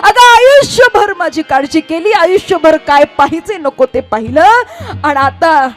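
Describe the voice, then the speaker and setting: A woman's voice: very high voice, heavily acted. A woman preacher voicing a grieving young son who laments his dead mother in a sobbing voice.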